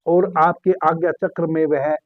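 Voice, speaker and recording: A spiritual meditation teacher, a man with a fairly high voice, guides a meditation calmly and without hurry, repeating key phrases. The sound is thin and phone-like, recorded dry and close with no room sound.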